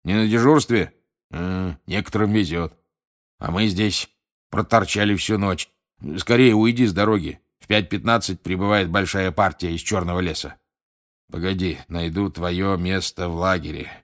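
A man's voice: low-pitched, steady tone, normal speed, natural voice. A man voicing a tired, grumpy wizard official who grumbles wearily, in an audiobook reading. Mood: grumbling. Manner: weary, grumbling.

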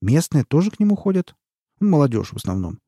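Pleading, wheedling snitch read by a man, raised voice, husky, dry close sound. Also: a little high, sing-song, fast talker, mellow, dry recording, voice pushed up, heavily acted. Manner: wheedling, pleading, folksy slang. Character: fawning frightened male snitch, bloodied, wheedling.

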